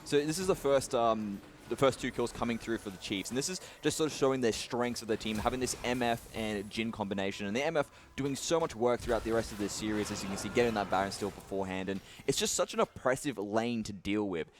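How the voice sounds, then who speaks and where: This esports analyst has a lowish, animated voice, and a little hiss or hum runs under the recording. He breaks down replays fast, piling filler words into his play-by-play.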